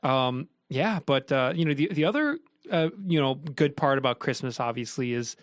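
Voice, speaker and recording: A man's voice: medium pitch, animated, normal speed, no room sound, studio quality. A young man co-hosting a podcast, rambling in casual chat with many restarts. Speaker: podcast co-host.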